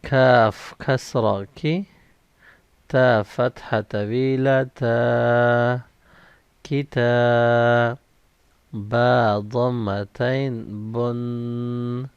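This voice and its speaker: A man teaching Quran reading, spelling out each letter and vowel and then slowly blending the syllables in a recitation drill. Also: medium pitch, steady tone, smooth, no echo. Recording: dull, slightly lo-fi dry recording.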